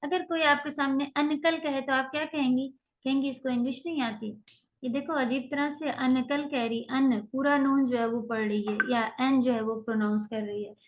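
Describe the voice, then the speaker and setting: High-voiced woman teaching recitation rules. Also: fairly even intonation, muffled recording. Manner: explains patiently, models drawn-out recited sounds. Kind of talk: online tajweed lecture.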